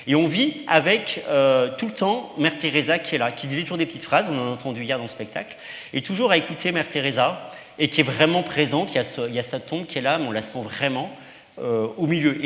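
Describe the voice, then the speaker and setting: A man's voice: medium pitch, a bit bright. A male priest giving an informal teaching to teenagers, chatty, with many fillers and asides. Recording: roomy hall with long reverb.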